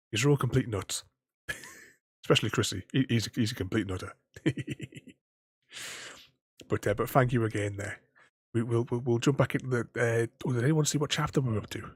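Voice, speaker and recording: Streamer guy, stutters a lot, chatty, bit husky, dry sound. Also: medium pitch, no echo. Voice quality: stutters, repeats words. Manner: chatty, laughs often, thanks viewers warmly. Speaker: gaming streamer. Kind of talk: casual livestream chat.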